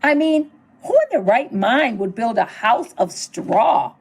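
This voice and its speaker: A woman's voice: on the high side, slow pace, husky. A middle-aged woman reading a children's storybook aloud, telling it expressively in the wolf's own words. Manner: expressive storytelling, narrating as the wolf. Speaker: school superintendent reading aloud.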